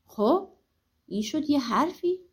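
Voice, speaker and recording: A sly young peasant, read by a woman, talks in a playful, crafty way. The voice sits high and bright. It comes from a storybook told aloud. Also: animated.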